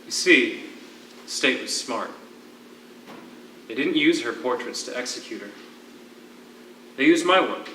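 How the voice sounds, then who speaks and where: On a theatre stage, a male actor with a medium-pitched, animated, sharp-toned voice plays a grieving, defeated imprisoned poet in a dramatic monologue. He speaks in deliberate, drawn-out phrases with dramatic pauses, full of haunted grief, and is miked from far off in echoey, noisy audio.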